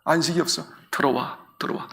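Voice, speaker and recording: A man voicing a gentle, forgiving old father pleading softly with his son to come home. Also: on the high side, steady tone, quick pace, vocal fry, pitched below the performer's own voice. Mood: coaxing. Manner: soft, coaxing, tender.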